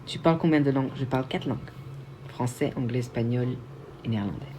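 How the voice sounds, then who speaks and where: A man's voice: medium pitch, fast, mellow, a little hiss or hum. A young man from Belgium, hosting a casual livestream and answering viewer questions in a chatty, self-mocking way with frequent restarts. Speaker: livestream host.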